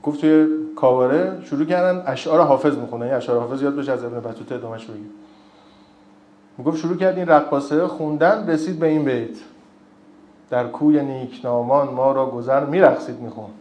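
A man's voice: fairly high pitch, darkish tone, muffled recording. A man giving an informal religious lecture, telling stories with joking asides and reciting old narrations in between. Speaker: religious speaker. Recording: roomy echo.

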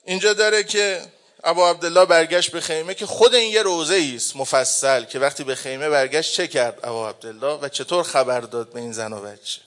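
A man preaching a mourning sermon, chanting the lament slowly and drawn-out, swinging between hushed and loud. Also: on the high side. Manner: slow, drawn-out delivery.

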